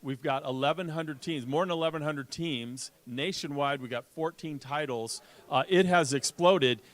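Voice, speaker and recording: A man being interviewed, talking in an upbeat, conversational way with halting repeats. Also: fairly high pitch. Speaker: sports conference commissioner being interviewed.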